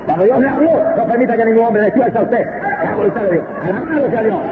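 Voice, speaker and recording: A man preaching a fervent Pentecostal sermon, swinging between slow drawn-out emphasis and quick bursts. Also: very high-pitched, lively intonation, over a noisy crowd, heavy background noise. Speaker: evangelist preacher. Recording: tinny lo-fi recording in a reverberant hall.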